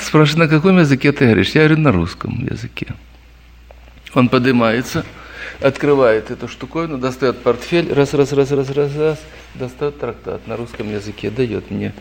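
At a church meeting, a man with a gravelly, medium-pitched voice tells stories and fields questions. He's lively and anecdotal, calling his listeners brothers.

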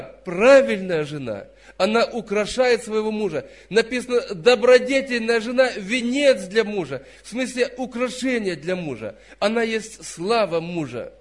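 A man in his fifties preaching a sermon, emphatic, dropping to soft asides and then rising to loud stressed phrases. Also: sits high. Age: 50s.

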